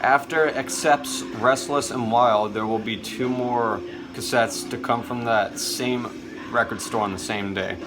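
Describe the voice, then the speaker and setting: A young man enthusiastically shows off his cassette collection in a chatty show-and-tell vlog, using lots of "uh" fillers. His mid-range voice has fairly even intonation and a measured pace, recorded in low quality over music.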